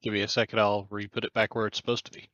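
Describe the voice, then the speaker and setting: A man's voice: lowish voice, flat delivery, racing, fairly bright tone, dry recording, lo-fi sound. A man co-hosting a podcast, chatting in an easygoing way while gaming. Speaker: podcast co-host. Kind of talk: casual chat while gaming.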